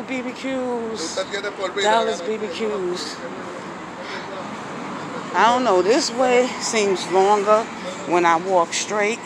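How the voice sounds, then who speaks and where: A middle-aged woman rambles casually as she walks outdoors, thinking aloud and repeating phrases into a phone held at arm's length. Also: mid-range voice. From New York City. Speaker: vlogger. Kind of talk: casual walking vlog chat. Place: outdoors, walking along busy city streets. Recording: noisy outdoor city street recording. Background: traffic and street noise.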